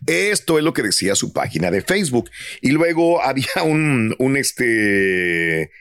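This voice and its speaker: Male radio host, lively gossip storyteller, close dry mic. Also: medium pitch, unhurried, no room sound. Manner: lively storytelling with many fillers. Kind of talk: casual morning-show banter.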